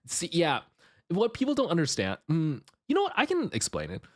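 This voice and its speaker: A man hosting a livestream with casual chat and commentary, jumping from excitable exclamations to low asides. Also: fairly quick, no room sound, studio quality. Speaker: livestreamer and host.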